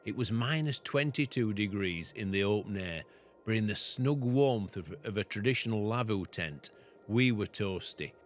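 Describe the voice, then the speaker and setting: A farmer reading a story from his own book aloud in a steady storytelling manner. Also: lowish voice, moderate pace, slight background noise.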